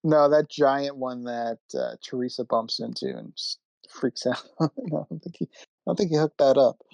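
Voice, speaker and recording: A man's voice: medium pitch, moderate pace, vocal fry, a little mellow, no room sound, muffled recording. A man co-hosting a film podcast, talking in an offhand way and trailing off when he loses his point. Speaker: podcast co-host. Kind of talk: casual chat.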